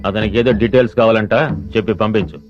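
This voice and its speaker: An actor playing a fierce bandit chief who gives orders and grieves loudly for his brother. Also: on the low side, steady tone, very fast, dull audio, close to an everyday voice. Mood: commanding. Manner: commanding, bursts into loud grief. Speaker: forest bandit leader. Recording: film soundtrack with music.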